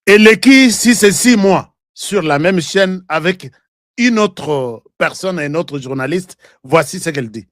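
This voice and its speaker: With a high, fairly bright voice and lively intonation, a man with a Congolese accent delivers heated political commentary at a slightly slow pace, interspersed with played clips. He hammers his points emphatically, repeating words and firing off rhetorical questions while switching between French and Lingala.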